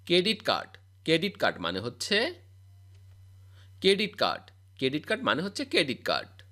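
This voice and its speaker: A man's voice: on the high side, wildly swooping pitch, fairly quick, bright, forceful tone. A man reciting a scripted vocabulary drill as a spoken English teacher, repeating each word and its meaning.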